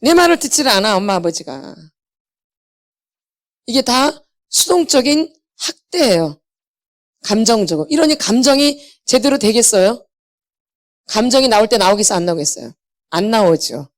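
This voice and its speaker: A woman's voice: a little high, sing-song, normal speed, long pauses. A middle-aged woman lecturing at a church healing seminar, emphatic, quizzing her audience and slipping into blunt casual speech. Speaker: inner healing ministry lecturer. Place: church meeting hall.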